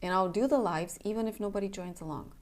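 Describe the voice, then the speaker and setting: Speaking fast at a medium pitch, a young woman who is a native Romanian speaker from Romania gives a casual announcement in her role as a somatic coach. She is earnest and plainspoken and checks in with "okay?"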